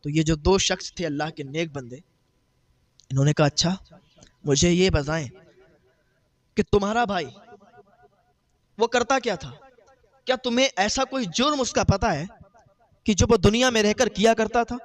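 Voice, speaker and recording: A man's voice: sits high, long pauses. A man preaching in a sermon, telling a story with emotion and voicing the grieving brother's words.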